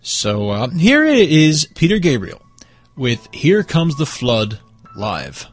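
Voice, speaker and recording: A man hosting a music show, introducing songs in a hushed, relaxed way with plenty of fillers. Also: a little high, slow, slightly rough. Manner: hushed, relaxed, mellow delivery; rambling with frequent fillers. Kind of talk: casual radio-style song introductions.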